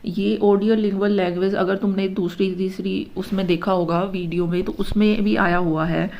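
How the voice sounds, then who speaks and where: A woman teacher explaining an exam-prep lesson step by step, mixing English terms into her Hindi and reading each option slowly before explaining it quickly. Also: medium pitch, steady tone. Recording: dull lo-fi recording.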